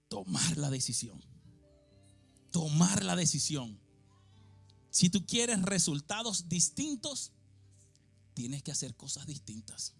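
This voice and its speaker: A man from Venezuela preaching a sermon in a church, moving between quiet, confiding passages and shouted, fervent exhortation. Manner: impassioned, swings from low confiding to shouted exhortation.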